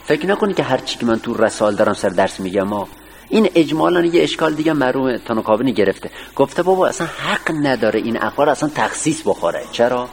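A man's voice: mid-range voice, very animated. Man lecturing in a reverberant hall. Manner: explains line by line, quizzes students with questions. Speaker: seminary teacher. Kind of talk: classroom lecture on a text. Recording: distant voice with long hall reverb, faint hiss.

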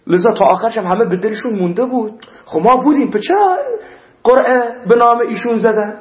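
Male cleric, high-pitched, animated sermon delivery; roomy, muffled lo-fi sound. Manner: animated preaching, interleaving recited Arabic verses. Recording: roomy, dull lo-fi recording.

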